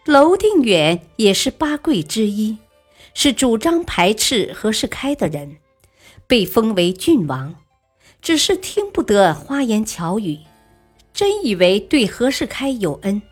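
A woman narrating a historical story in a measured, even storytelling manner. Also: medium pitch, breathy edge.

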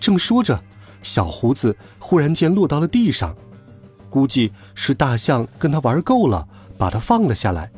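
Husky lively storyteller man. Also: medium pitch, moderate pace, faint music behind. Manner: lively, expressive reading. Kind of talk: children's storybook narration.

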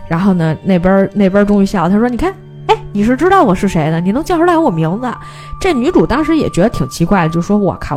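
A woman hosts a film podcast. She retells a movie plot in a casual, animated way and acts out the characters' lines. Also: medium pitch.

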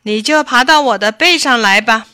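A woman voicing a big, confident storybook tiger who gives firm, loud commands. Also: on the high side, normal speed, smooth, no room sound, clean studio sound, pitched above the performer's own voice. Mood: commanding.

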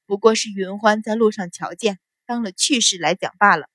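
A woman's voice: medium pitch, moderate pace, fairly bright tone, no echo, clean studio sound, lightly acted. Woman playing a cold, scheming stepmother. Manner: cold, biting. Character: scheming, resentful middle-aged stepmother of a noble house.

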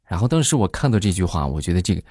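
A man's voice: sits low, racing, no echo, studio quality. A middle-aged man hosting a joke show, telling funny stories in a monologue and acting out the voices in them. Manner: animated storyteller who acts out quoted voices.

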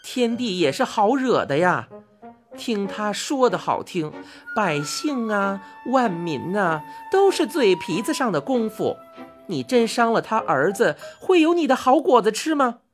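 A woman voicing Chang'e, a vain, quick-tempered young wife who scolds shrilly, for a spoken storybook. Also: lowish voice, big pitch swings, faint music behind. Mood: scolding.

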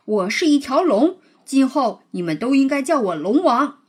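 A woman voicing a boastful, mischievous schoolboy who teases loudly in a sing-song way. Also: a little high, very animated, normal speed, husky, full character voice. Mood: taunting. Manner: loud, taunting, sing-song chanting.

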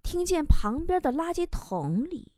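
A woman voicing her deadpan mother, speaking slowly and softly with weighty pauses, as loud audience laughter rolls around her. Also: very high-pitched, dry recording, studio quality, full character voice. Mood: solemn. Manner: slow, hushed, weighty pauses. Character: deadpan mother telling a slow solemn tale.

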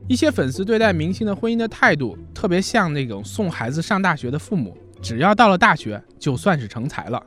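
A man with a high, bouncy voice hosts a relationship advice radio show. He explains each point in a chatty, lively way and acts out the lines he quotes. Soft music plays behind him. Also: a little fast, few pauses. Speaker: radio host.

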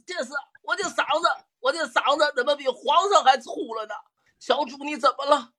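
A man doing a comic impression of a hoarse imperial concubine and her maid, with a raspy, crude delivery. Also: very high-pitched, a little fast, bright, forceful tone. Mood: hysterical. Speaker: audience caller. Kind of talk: comic impression of palace drama.

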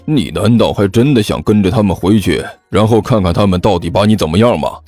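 A man voicing a calm, clever boy who speaks matter-of-factly while planning. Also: fairly low pitch, a little fast, no echo, soft background music.

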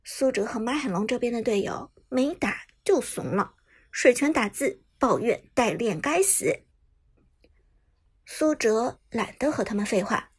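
A woman narrating a web novel audiobook with expressive storytelling. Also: a little high, breathy edge.

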